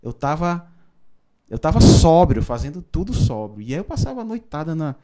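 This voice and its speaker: A man, a pastor giving his conversion testimony in a podcast interview, telling it in a lively storytelling way with frequent tag questions. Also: a little high, normal speed, background noise. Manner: storytelling, animated, frequent "né?" tags.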